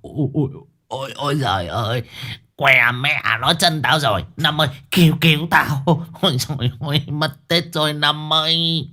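A man's voice: on the high side, moderate pace, sharp tone, voice pushed up. A man doing a groaning hurt village laborer. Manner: groaning, moaning. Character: clumsy male village worker in pain.

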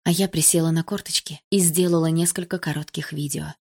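A woman narrating a first-person novel with an expressive, emotional reading. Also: sits low, brisk, gravelly, slightly rough. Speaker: audiobook reader.

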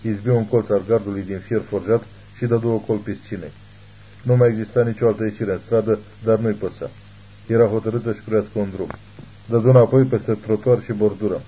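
A man narrating an audiobook in a steady, measured reading. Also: on the low side, a little hiss or hum, low-quality recording. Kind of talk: scripted narration.

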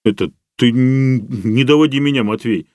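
A man voices a blunt, exasperated young fellow who talks colloquially and emphatically, pitching it above his own voice while keeping it natural. The delivery is medium-pitched, darkish and at normal speed, with studio quality and no echo.

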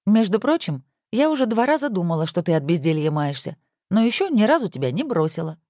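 A reader voicing a sharp-tongued young wife who teases her husband in mock-stern tones, in a storybook reading. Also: mid-range voice, big pitch swings, brisk, dry recording, studio quality, voice pushed up, close to an everyday voice.

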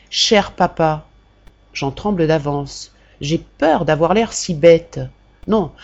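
A woman reading a classic novel aloud for a volunteer audiobook, in a measured, expressive first-person narration. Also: lowish voice, dull audio.

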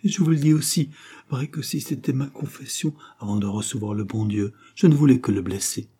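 A man's voice: medium pitch, a little fast, dark tone, breathy edge, pitched above the performer's own voice, lightly acted. A man voicing a proud, wild, distraught dying woman in an audiobook, vehement and prone to angry outbursts. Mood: agitated, anguished. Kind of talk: audiobook character reading.

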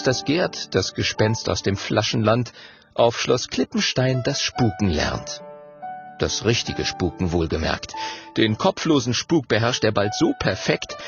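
Slow, gravelly male storyteller. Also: mid-range voice. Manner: expressive, animated. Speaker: audiobook narrator. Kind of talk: scripted children's story narration. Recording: dull audio with faint music.

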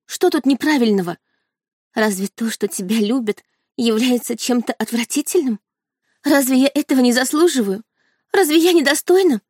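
A desperate young woman on the edge of tears, put on by a female reader for an audiobook. Her voice climbs high and frantic as she pleads, with a clingy, hysterical edge. The recording is dry and close. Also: moderate pace, long pauses, a little mellow, no echo, lightly acted. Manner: pleading, sobbing, high-strung.

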